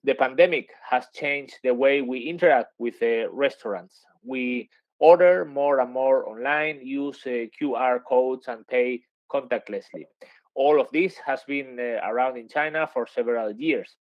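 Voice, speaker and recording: A man's voice: mid-range voice, a little slow, no room sound. Hesitant male webinar moderator. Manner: hesitant, many fillers. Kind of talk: introducing speakers and asking questions. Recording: dry, dull lo-fi sound.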